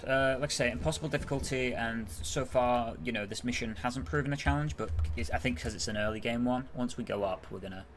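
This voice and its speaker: Relaxed British man streaming a game. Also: mid-range voice, fast talker, few pauses, slight background noise. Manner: chatty, reads and answers chat while playing. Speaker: gaming streamer. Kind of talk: casual live-stream commentary.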